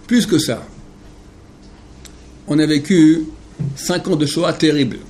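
A man giving a Torah lecture to an audience of men, emphatic and rhetorical, swinging between hushed explanation and impassioned questions. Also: on the high side, takes it slowly. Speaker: rabbi teaching Torah.

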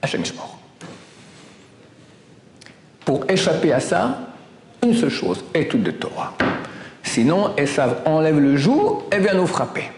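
A man's voice: fairly high pitch, big pitch swings, a little slow. Emphatic man preaching in an echoey hall. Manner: emphatic, swings between loud exclamations and hushed asides. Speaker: rabbi teaching Torah. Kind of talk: sermon.

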